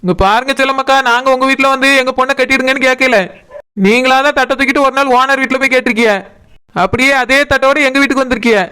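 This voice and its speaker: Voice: high-pitched, flat delivery, fast, sharp tone, clear, resonant tone. A performer voicing a bold young woman who sells fish and stands up for her sister, retorting with a Kanyakumari Tamil accent. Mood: defiant. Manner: assertive, retorting. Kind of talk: cartoon voice acting.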